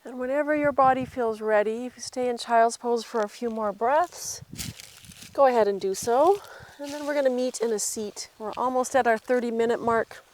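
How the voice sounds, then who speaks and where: A woman yoga instructor gently talking a class through poses as she does them herself. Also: fairly high pitch. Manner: gentle cueing while demonstrating the poses herself.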